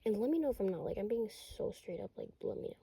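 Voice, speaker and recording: A young woman fishing from a kayak outdoors, chatting excitably to a mounted camera, swearing casually and often dropping to a murmur. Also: medium pitch, quick pace, creaky, slightly rough, no room sound, poor audio. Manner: chatty and excitable, swears and says bro a lot. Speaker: fishing vlogger. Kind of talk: casual running commentary while fishing.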